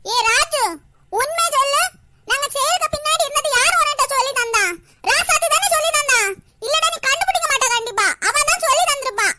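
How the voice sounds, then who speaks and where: Squabbling little village kids bicker through a game of hide-and-seek in a cartoon, as a woman voices them. The voices are piercingly high and sharp, bossy and shouting. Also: fairly quick, full character voice. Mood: accusing. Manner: bossy, shrill, shouting the count. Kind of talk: cartoon voice acting.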